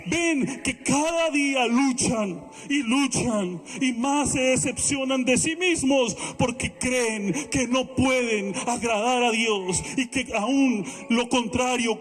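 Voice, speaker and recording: A middle-aged man preaching a sermon, earnest and prayerful, speaking in measured phrases. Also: very high voice, a bit bright, in a large hall. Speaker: pastor.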